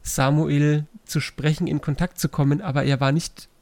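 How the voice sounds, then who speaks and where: Young male pastor, relaxed storyteller, dry close mic. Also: on the high side, normal speed, no room sound. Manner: relaxed storyteller, acts out voices in retellings. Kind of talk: casual faith podcast chat.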